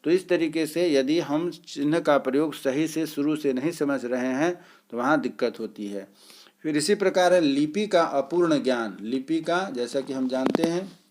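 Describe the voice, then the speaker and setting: A man teaching an exam-prep lecture, explaining step by step with pauses and filler sounds. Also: medium pitch, darkish tone, slight background noise.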